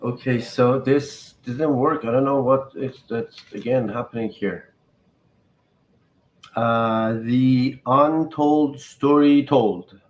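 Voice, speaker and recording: A man from Iran hosting a live podcast stream, chatting casually and haltingly with guests and viewers. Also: medium pitch, fairly even intonation, echoey room, muffled recording.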